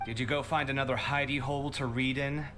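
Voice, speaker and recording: An actor playing an outspoken, idealistic young male scholar in a video game, expressive and reproachful. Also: mid-range voice, fairly quick, close to an everyday voice. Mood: scolding. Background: game music.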